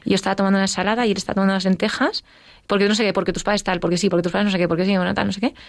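Fast-talking woman with gravelly voice. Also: mid-range voice, steady tone, no room sound, clean studio sound. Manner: emotional storytelling, acts out quoted voices. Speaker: interview guest. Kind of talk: personal testimony in an interview.

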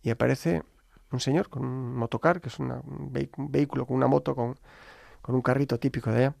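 A priest tells a story in an interview, animated and playing every character in it. His voice has a gravelly edge and sits at a middle pitch. The sound is close and dry. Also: fast talker, no echo. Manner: animated, acts out dialogue with shifting voices.

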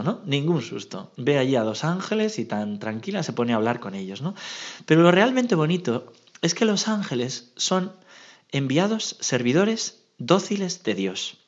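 A man's voice: mid-range voice, lo-fi sound. A parish priest with a Spanish accent from Spain gives a homily full of anecdotes, constantly tagging his phrases with a questioning "¿no?". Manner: lively storyteller, adds "¿no?" after nearly every phrase.

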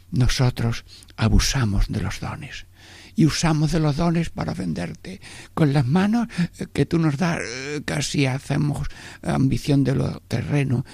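A man's voice: mid-range voice, vocal fry, dark tone, husky, no echo. A male priest giving a prayerful sermon, often speaking directly to God as a meditation.

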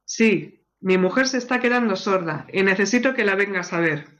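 A woman's voice: medium pitch, animated, normal speed, dull audio, lightly acted. A woman voicing an anxious middle-aged husband calling his doctor in a radio joke, earnest and fretful. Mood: worried. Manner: calls out loudly, anxious.

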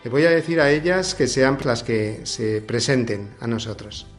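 A radio host with a Spain Spanish accent presents a Sunday religious show at a middling pitch. He speaks in a measured, welcoming manner, often pausing on "eh" fillers. Soft music plays faintly in the background.

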